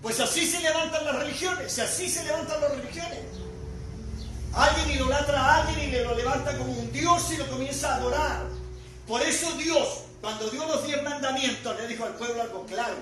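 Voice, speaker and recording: High-voiced older preacher in an echoing hall. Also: male voice, a little fast, slight background noise. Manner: preaching with loud bursts and quiet drops. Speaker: pastor. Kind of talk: sermon. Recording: echoey hall from far off with music.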